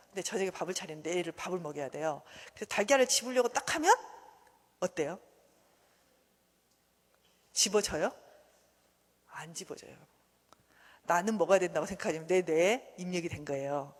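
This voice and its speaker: An expressive woman lecturer with a husky, slightly breathy voice, her pitch leaping up and down as she teaches. She acts out little exchanges of dialogue for her listeners. A long reverb trails behind her, as in a big hall. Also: fairly quick, long pauses. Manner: animated, acts out quoted dialogue. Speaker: seminar lecturer. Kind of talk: church seminar lecture.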